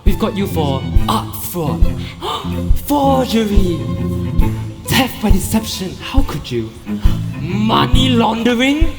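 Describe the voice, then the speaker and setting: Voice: medium pitch, big pitch swings, takes it slowly. A performer playing an indignant police officer in a stage musical, declaiming melodramatically. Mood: outraged. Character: indignant, theatrical police officer exposing art fraud. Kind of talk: theatrical stage acting. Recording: echoey hall, loud guitar music behind.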